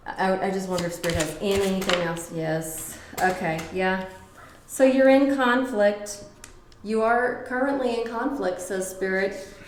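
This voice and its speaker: A woman's voice: mid-range voice, fairly even intonation, normal speed, roomy sound, slight background noise, low-quality recording. A middle-aged woman giving a casual tarot reading, blunt and profane, with emphatic repetitions. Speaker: tarot reader.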